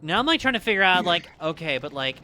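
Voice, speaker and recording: A live-gaming woman streamer with a slight Southern US accent rambles to her chat, swearing freely and laughing easily. Her voice is on the low side but swings widely in pitch, fast, pushed and bright, over soft background music.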